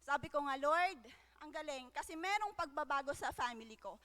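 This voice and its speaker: High-voiced young woman in a hall. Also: animated, pushed and bright. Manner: halting, with many fillers and tag questions. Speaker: church member giving testimony. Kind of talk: personal testimony. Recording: long reverb of a large hall.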